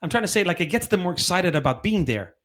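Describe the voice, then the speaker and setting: A man co-hosting a podcast in casual chat, animated and swearing, repeating himself for emphasis. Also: high-pitched, fast talker. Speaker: podcast co-host.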